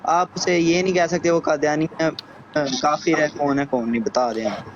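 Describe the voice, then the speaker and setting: एक आदमी, live call पर सवाल करता कॉलर, जिसकी ऑनलाइन कॉल की आवाज़ बार-बार कटती और टूटती है।. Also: male voice, fairly high pitch, steady tone, normal speed. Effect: choppy call audio that keeps cutting out. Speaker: caller on a live stream. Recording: dull lo-fi online call with faint noise.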